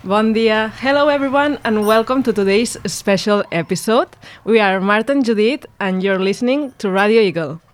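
A young woman hosting a campus radio show, reading her lines in a clear, measured, welcoming way. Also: mid-range voice.

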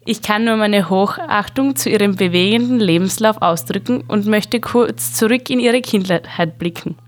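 A woman's voice: medium pitch, moderate pace. Polite, formal woman interviewer.

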